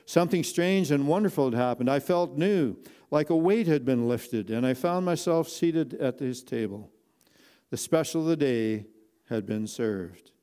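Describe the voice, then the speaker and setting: A man narrating a first-person inspirational story slowly and earnestly, with dramatic pauses. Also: mid-range voice, animated, mellow, clear, resonant tone.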